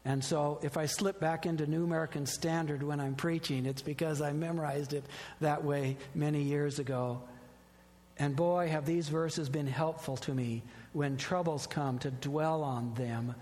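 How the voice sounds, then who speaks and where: A man's voice: a little high, fairly even intonation, normal speed, a little mellow. A middle-aged man, a pastor, preaching a sermon with earnest personal stories. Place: church sanctuary. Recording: long hall reverb.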